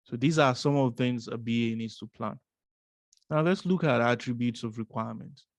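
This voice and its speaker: A man's voice: mid-range voice, moderate pace, no room sound. A man teaching a business analysis course, explaining step by step, asking rhetorical questions and often adding "right?". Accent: non-American English.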